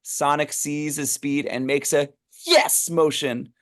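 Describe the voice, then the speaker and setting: A man's voice: fairly high pitch, steady tone, slow. A man narrating a script read, reading stage directions aloud in an informal, amused way.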